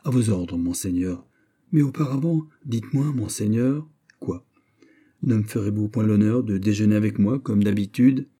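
A man's voice: on the low side, normal speed, dark tone, slightly rough. A man voicing a flustered, fawning prison governor who stammers and tries hard to please, in a French audiobook reading. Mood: obsequious.

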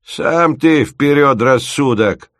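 A man voicing a crafty, boastful old village fisherman who drawls in a slow, folksy way. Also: lowish voice, sing-song, gravelly, no room sound, studio quality, exaggerated voice. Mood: mocking, gruff.

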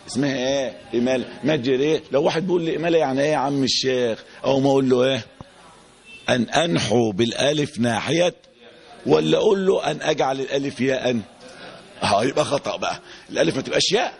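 Gravelly Egyptian man teaching a recitation class. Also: medium pitch. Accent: Egyptian Arabic. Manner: quizzing the class with repeated questions, drawing out example words slowly. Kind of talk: Quran recitation lesson.

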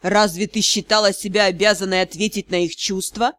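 A cold, commanding nobleman, voiced by a woman reading a storybook, pitched well below her own voice. He speaks with icy, unhurried politeness and never raises his voice. The sound is dry and close. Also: expressive, dry recording, natural voice. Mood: icy polite. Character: cold, commanding aristocratic lord, a male academy director. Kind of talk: audiobook character voice.

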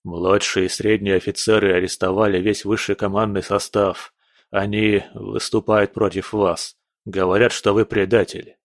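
A man's voice: level tone, normal speed, no echo, studio quality, natural voice. A man doing a grim, weary general. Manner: low, grim, contemptuous. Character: weary, disgusted middle-aged male general.

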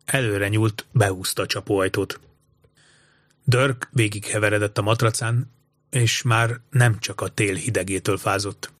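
A man narrating an audiobook story in an even, measured way. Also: lowish voice.

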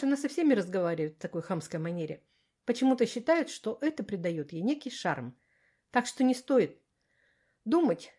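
Calm confident young man, as read by a woman. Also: medium pitch, close to an everyday voice.

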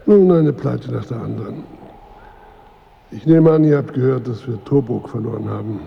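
A man's voice: medium pitch, normal speed, creaky, slightly rough, muffled recording, exaggerated voice. An actor playing a proud, irritable, world-weary king and husband in a radio drama, speaking in a pompous, sardonic, formal way. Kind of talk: literary radio drama acting.

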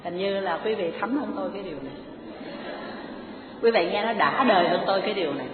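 A woman giving a Buddhist sermon, telling her story with lively humor and speaking straight to the listeners. The recording is phone-thin and echoes through a large hall with long reverb, with an audience heard clearly behind her. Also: medium pitch, fast talker, narrow, tinny audio, crowd noise, background noise. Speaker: Buddhist dharma teacher. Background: audience laughter.

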